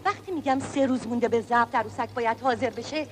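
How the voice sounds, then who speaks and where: Brief: woman plays a sharp, demanding director with a high voice and curt, sarcastic delivery. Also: slight background noise, natural voice. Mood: irritated.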